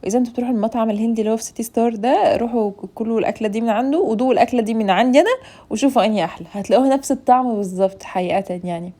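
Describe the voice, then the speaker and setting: Egyptian woman vlogger, very fast and chatty, mellow tone, teasing home-cooking host. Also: a little high. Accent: Egyptian Arabic. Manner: talkative, playful, teasing, addresses viewers directly.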